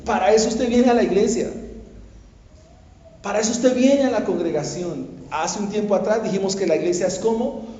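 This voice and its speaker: A male pastor preaching a sermon, swinging from hushed confession to pleading cries. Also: high-pitched, moderate pace. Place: church. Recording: echoey church hall, dull lo-fi sound.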